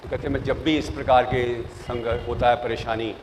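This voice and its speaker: Speaking at normal speed with a medium-pitched voice, an older professor offers interview tips in class. He tells stories, performs the voices of quoted people, and mixes in English phrases, while long reverb and faint noise color the recording.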